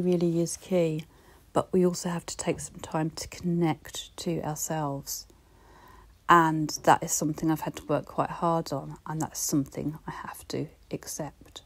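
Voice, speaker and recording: A low-voiced British woman hosts a reflective solo podcast, speaking directly to the listener in a gently encouraging way.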